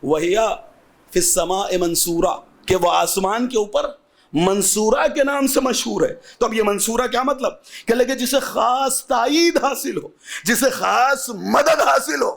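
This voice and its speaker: A man preaching an impassioned religious sermon, declaiming loudly with sung, chanting cadences and breaking into dramatic quoted dialogue. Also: high-pitched, creaky.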